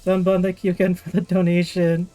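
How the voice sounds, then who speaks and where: A man's voice: sits high, completely flat delivery, brisk, warm tone, faint music behind. Chatty, upbeat young-sounding man streaming. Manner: upbeat, chatty, thanks donors by name. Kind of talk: casual live-stream chat.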